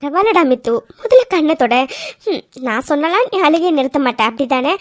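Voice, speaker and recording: A doting cartoon grandmother, played by a woman with a high, bright-pitched voice, coaxing her family with gentle scolding. She keeps checking in with tag questions. The sound is close and dry, with no room around it. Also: very animated, a little fast, no echo. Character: affectionate elderly grandmother, doting and reassuring. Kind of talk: animated serial voice acting.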